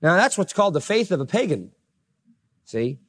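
A man's voice: high voice, sing-song. A man preaching a sermon, reading scripture aloud with dramatic rising emphasis and plain asides in between. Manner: reads verses with dramatic slowing and rising voice, then chats plainly.

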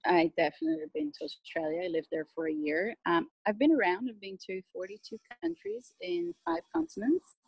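A woman's voice: medium pitch, animated, a little fast, creaky, breathy edge, muffled recording. A woman from Brazil, a guest chatting casually in an interview about travel.

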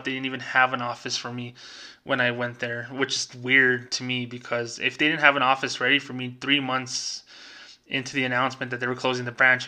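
A middle-aged man vlogs a personal story in a casual, conversational style, acting out dialogue he remembers. His voice has a medium pitch and a bright, forceful tone.

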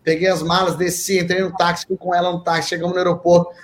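A man telling a comic anecdote in an animated way, often repeating and restarting words. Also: high voice, quick pace, a little hiss or hum. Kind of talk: comic storytelling.

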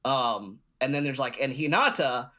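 A man's voice: mid-range voice, animated, moderate pace, sharp tone. A young man as a podcast guest, retelling a story in casual chat, rambling with many fillers.

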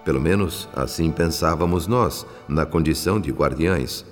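Using a bass voice, a Brazilian-accented male actor narrates a radio drama as a solemn spirit guardian telling of a family's troubles. His words are formal, literary and carefully measured, with long reverb and music in the background.

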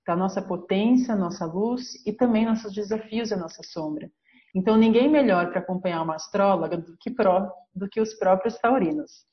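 A woman with a Brazilian Portuguese accent, an astrologer hosting a podcast, teaches her subject step by step in a podcast lesson. Her medium-pitched voice moves fairly quickly, and the audio sounds dull.

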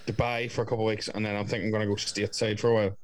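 A man's voice: on the low side, flat delivery, rapid-fire. A man in his twenties with a Northern Irish accent, chatting casually and swearing as a podcast co-host. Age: 20s.

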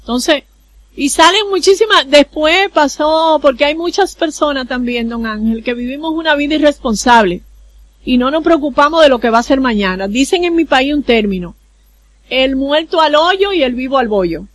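Guesting on a radio interview, a Dominican consular official explains procedures earnestly through everyday examples. She speaks at a normal speed in a high, animated voice with a Dominican Spanish accent. There's no echo on the recording.

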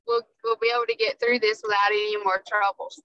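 A woman co-hosting a casual chat over a lo-fi video call connection, chatty and quick to laugh. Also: fairly high pitch, little pitch movement. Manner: chatty, laughs easily, repeats words. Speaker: co-host.

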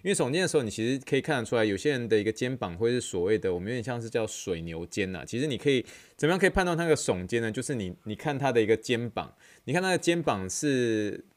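A man's voice: mid-range voice, very animated, fast talker, few pauses. A man with a Taiwanese Mandarin accent hosting a podcast in casual, rambling chat that repeats phrases. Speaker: podcast host.

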